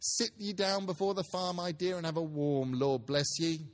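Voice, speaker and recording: A man plays a working-class Victorian mother from a storybook, fussing and affectionate. The voice is lifted in pitch and full of homely exclamation. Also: flat delivery, moderate pace, in a large hall, lightly acted. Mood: fond, bustling.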